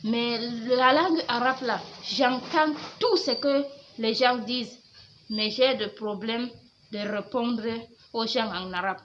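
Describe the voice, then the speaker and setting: Faint hiss and slightly muffled lo-fi sound accompany this Q&A vlog, where a young home organisation YouTuber from Cameroon reads and answers questions. Her native language is Fulfulde, and her fairly high voice comes out soft and hesitant, broken by frequent pauses.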